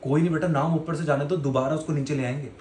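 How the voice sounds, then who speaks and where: A male teacher giving a lecture in a relaxed, playful, colloquial manner, with a fairly high voice. The recording sounds roomy and echoey, with a faint background hiss. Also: fast. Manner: playful, colloquial, calls students "beta". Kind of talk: classroom lecture. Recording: echoey room with faint noise.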